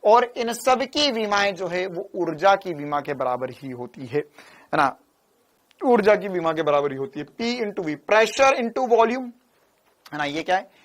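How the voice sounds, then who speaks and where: A man's voice: high voice, animated, a little slow. A man from India teaching physics in a lecture style. He is playful and repeats phrases in a rhythmic way.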